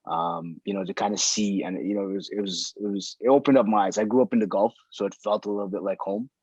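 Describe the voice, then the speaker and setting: Husky low-voiced man, casual and searching, circles his own phrases; dull lo-fi sound. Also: fairly even intonation, quick pace, darkish tone, dry recording. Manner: thinking aloud, circling back on phrases. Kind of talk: casual conversation.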